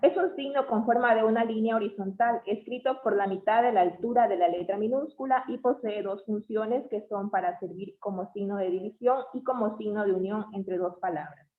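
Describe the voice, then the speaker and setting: A woman reading a class presentation on punctuation, going through definitions and examples in a measured way. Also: mid-range voice. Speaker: student presenter. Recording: tinny phone-like audio in an echoey room.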